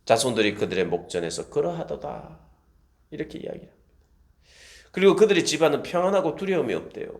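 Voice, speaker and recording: A man's voice: on the high side, expressive, fast talker, vocal fry, long pauses. A man, a pastor, giving a devotional Bible reflection, explaining scripture and paraphrasing quotes.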